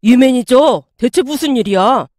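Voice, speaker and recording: A composed restaurant owner who answers in a low, unshaken tone, played by a woman narrator. Bright and expressive underneath, recorded dry. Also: normal speed, dry recording.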